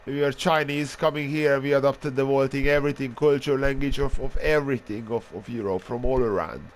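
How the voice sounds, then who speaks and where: A man with a Hungarian accent, chatting casually as a podcast co-host and halting as he searches for words. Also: medium pitch, steady tone, a little hiss or hum. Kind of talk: casual chat.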